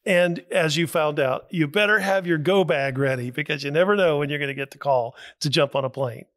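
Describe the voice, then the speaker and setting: An older man hosting an interview from a small studio, speaking in a measured way with many pauses and fillers. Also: a little high, a bit bright, no room sound. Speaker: podcast host. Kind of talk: interview conversation. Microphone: studio mic with headphones.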